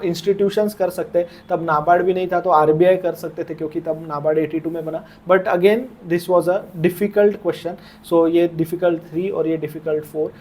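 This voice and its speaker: A man's voice: sits high, warm tone. A man explaining exam answers as a coach, hesitant and thinking aloud with many fillers, mixing Hindi and English.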